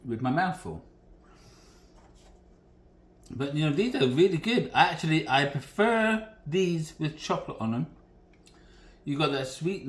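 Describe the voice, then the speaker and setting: A man hosting a home cooking channel, chatting in a folksy, rambling way as he demonstrates a recipe in his kitchen. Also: on the high side. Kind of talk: casual cooking demo. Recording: echoey kitchen room.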